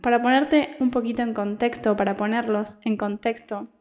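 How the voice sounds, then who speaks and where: A woman's voice: fairly high pitch, fairly even intonation, moderate pace, a little mellow. A young Argentine woman hosting her podcast, talking in a rambling, confiding personal monologue with many restarts. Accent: Argentine Spanish. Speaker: podcast host.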